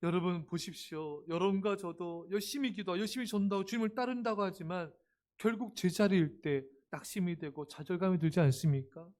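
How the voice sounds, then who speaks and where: A middle-aged man preaches a sermon, his voice pitched a bit high for a man. He drops to a soft, gentle tone and then rises to loud, emphatic lines. He acts out the voices in his quotes with animated energy. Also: brisk. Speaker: pastor.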